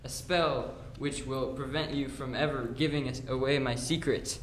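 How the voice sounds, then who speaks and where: In a school radio play, a young teen voices a gloating, scheming pupil of a sorcerer with grand, declamatory flair and scorn. The delivery is lightly acted, medium-pitched, steady, moderately paced and a bit bright, heard with roomy echo and faint background noise.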